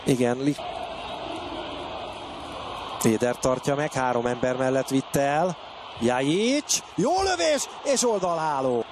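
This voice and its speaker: A man with a Hungarian accent giving excited live football commentary that bursts into shouts, as a match commentator. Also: mid-range voice. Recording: clear outdoor stadium noise behind. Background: stadium ambience.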